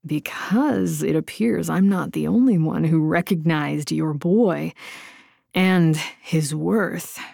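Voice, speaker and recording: Woman as smug chatty rogue man, showy, slow drawl, dry sound. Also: low voice, vocal fry, mellow, no echo, exaggerated voice.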